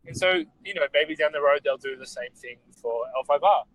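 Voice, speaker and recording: A man's voice: on the high side, a little fast, a bit bright, low-quality recording. A man in casual podcast chat, thoughtful and hesitant, with many ums.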